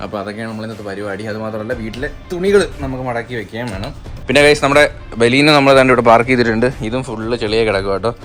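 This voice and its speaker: A man's voice: mid-range voice, racing, over music. A man, chatting to viewers in a casual home vlog. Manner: chatty, addresses viewers as guys. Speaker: family vlogger.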